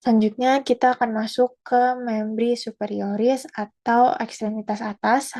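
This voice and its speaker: A young woman student presenting an anatomy lesson, talking in a halting way with fillers and self-corrections. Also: a little high, flat delivery, warm tone.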